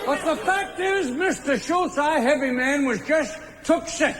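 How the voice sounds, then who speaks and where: A folksy showboat captain. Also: male voice, very high voice, measured pace, a bit bright, some chatter behind, a little hiss or hum. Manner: folksy showman patter with homespun grammar. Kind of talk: stage musical. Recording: live theater with long reverb.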